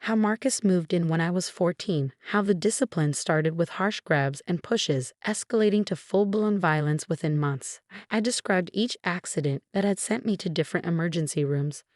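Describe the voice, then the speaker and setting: A woman reading a first-person story as a scripted narration, steady and even. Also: on the low side, normal speed, no echo, clean studio sound.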